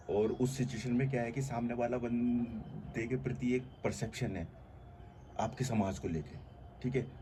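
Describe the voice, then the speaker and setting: A man's voice: mid-range voice, mellow. A man who earnestly talks through his thinking in a casual conversation, with many fillers. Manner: reflective, earnest, explaining at length with many fillers. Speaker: channel host. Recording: faint background noise.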